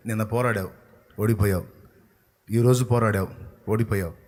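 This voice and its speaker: A man preaching a sermon as a pastor, passionate and forceful, swinging between loud outbursts and low, intense passages, often asking the listener pointed rhetorical questions. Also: fairly even intonation, normal speed.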